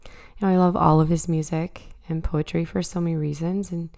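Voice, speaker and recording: A woman hosting a casual spoken monologue, hoarse and raspy from a cold, talking thoughtfully with many fillers. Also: low-pitched, little pitch movement, moderate pace, dark tone. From Canada. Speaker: podcast host.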